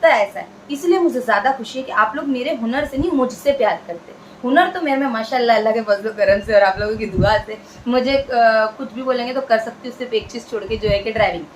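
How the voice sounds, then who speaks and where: A woman's voice: a little high, fast, hardly any pauses, slight background noise, rough recording. Earnest chatty woman. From India. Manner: earnest, chatty, repeats phrases for emphasis. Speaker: vlogger. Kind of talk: casual talk to camera.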